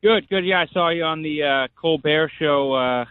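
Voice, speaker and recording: A man's voice: fairly high pitch, moderate pace, smooth, narrow, tinny audio. Hesitant, stammering male caller. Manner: hesitant, stammering, full of uhs. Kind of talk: call-in chat.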